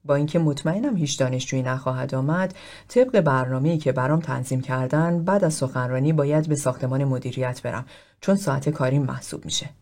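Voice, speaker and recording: A man's voice: mid-range voice, a little mellow, natural voice. A man reading the part of an aloof philosopher who talks in a formal, blunt, lecturing way.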